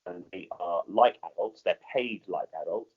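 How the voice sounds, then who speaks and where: The speaker, a middle-aged theatre director with a modern British accent, answers interview questions haltingly and conversationally, often restating and rephrasing. He has a low, narrow voice, captured in tinny audio with slight background noise.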